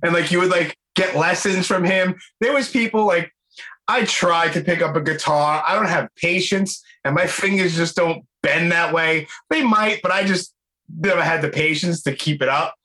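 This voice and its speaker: A man in his forties with a Brooklyn accent, hosting a podcast interview in an excitable, slangy, casual way. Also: on the high side, normal speed. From Brooklyn, New York. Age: 40s. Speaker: podcast host.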